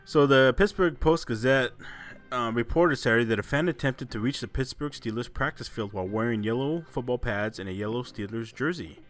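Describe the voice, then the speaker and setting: A man's voice: mid-range voice, brisk, fairly bright tone. A man hosting a casual podcast, telling rambling anecdotes, often breaking into laughter and swearing freely. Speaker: podcast host.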